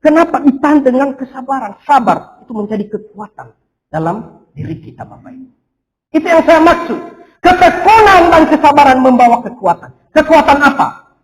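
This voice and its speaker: A man preaching a sermon as pastor, lively, asking the congregation rhetorical questions. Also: very high voice, normal speed, rough recording. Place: church hall.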